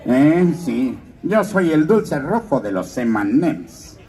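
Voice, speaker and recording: A man's voice: fairly high pitch, sing-song, slow pace, mellow. A man voicing a playful red candy mascot in a TV commercial, with a drawling delivery. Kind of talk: TV ad voice acting.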